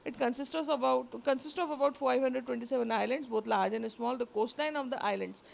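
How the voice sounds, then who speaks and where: Here a teacher with an Indian English accent, Sindhi by mother tongue, reads a textbook story and then walks through it line by line, switching to Hindi. Her voice sits high, with vocal fry and a fairly quick pace. The sound is lo-fi, captured on a phone or screen-recorder mic.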